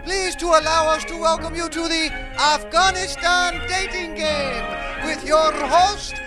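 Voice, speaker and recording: A man's voice: extremely high pitch, steady tone, a little slow, loud music behind the voice. A man playing a gushing, over-polite Afghan game show announcer in a comedy sketch. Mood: gushing, showy.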